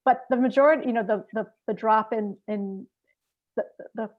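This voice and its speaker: A woman's voice: a little high, normal speed. A woman speaking steadily in a casual discussion, stringing points together with fillers. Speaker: participant in an activist forum. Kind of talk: casual discussion on a video call. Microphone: video call. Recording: dull lo-fi video call audio.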